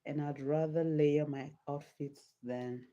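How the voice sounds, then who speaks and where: During her live hair-styling stream, a hair vlogger from Nigeria talks casually with viewers and responds to their comments. She speaks slowly in a low, steady, dark voice, and the audio is dull and lo-fi.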